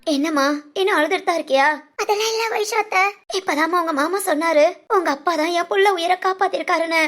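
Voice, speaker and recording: A woman voicing a motherly older aunt in a cartoon family drama, speaking gratefully and warmly. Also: very high-pitched, fast.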